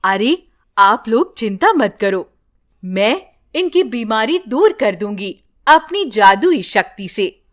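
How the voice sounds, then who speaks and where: A woman's voice: fairly high pitch, big pitch swings, slow pace, fairly bright tone, heavily acted. A woman voicing a kindly magic jar. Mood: reassuring. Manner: soothing, reassuring. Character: kind magical talking jar, female.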